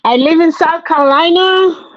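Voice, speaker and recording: A woman's voice: very high-pitched, moderate pace, no room sound, dull audio. A woman from Zambia joining a podcast as a guest, friendly and cheerful.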